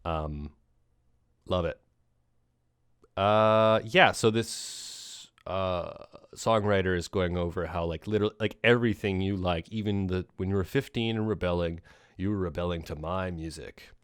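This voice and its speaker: A man's voice: low voice, unhurried, smooth, no room sound, studio quality. A man hosting a podcast, chatting casually about a film in a rambling way, with lots of fillers, restarts and casual swearing. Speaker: podcast host.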